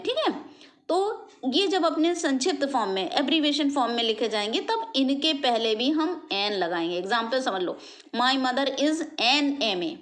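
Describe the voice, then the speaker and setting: A woman's voice: sits high, a bit bright. A woman teaching an English grammar lesson, explaining step by step, spelling out letters and checking in with "okay?" after each point. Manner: checks understanding with frequent "okay?" tags; spells out letters and examples slowly.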